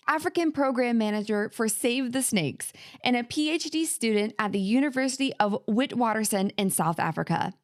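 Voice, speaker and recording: A woman with a fairly high voice hosts an interview podcast. She reads her introduction from a script and then chats with her guest in an upbeat, enthusiastic way. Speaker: podcast host.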